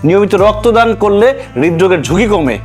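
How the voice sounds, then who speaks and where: An actor playing a kind-hearted young husband who talks earnestly, lecturing and pleading. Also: male voice, sits high, animated, fast talker, faint music behind. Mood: coaxing. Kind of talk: TV drama acting.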